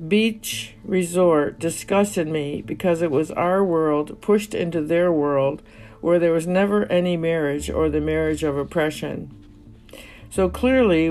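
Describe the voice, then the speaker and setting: A woman's voice: low voice, a little mellow. Woman reading a poetic memoir over guitar. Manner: reflective, emotional, poetic. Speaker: narrator. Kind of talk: reading a personal memoir aloud. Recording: faint guitar music behind.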